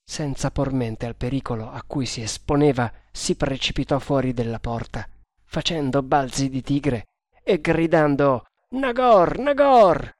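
A man's voice: mid-range voice, darkish tone, no echo, studio quality. Man narrating an adventure novel. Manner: dramatic, measured reading. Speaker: audiobook narrator. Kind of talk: scripted narration.

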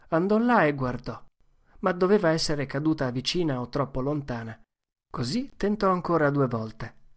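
Woman narrator, deep and calm, reading a children's classic. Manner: calm, even-paced narration. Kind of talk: storybook reading.

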